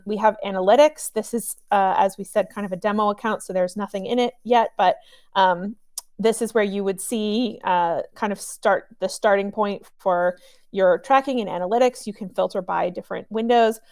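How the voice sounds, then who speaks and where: A woman's voice: mid-range voice, darkish tone, dry recording, clean studio sound. Chatty upbeat woman hosting a webinar. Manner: chatty, upbeat, friendly with filler ums. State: has a cough drop in her mouth. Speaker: webinar host and trainer. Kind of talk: live software demo webinar.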